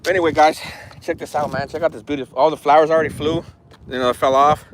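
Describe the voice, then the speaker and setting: A somewhat high, steady male voice talks at a quick pace over slight background noise. It belongs to an RC hobby vlogger in his forties doing a casual phone livestream outdoors by an orchard, rambling openly with plenty of swearing and tough talk.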